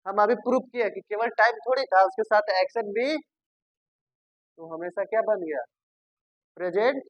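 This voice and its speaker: A man's voice: high voice, normal speed, no echo, highs cut off. A male teacher giving a grammar lesson, repeating terms and asking and answering his own questions. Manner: repetitive, addresses students as babu and sir, asks and answers himself.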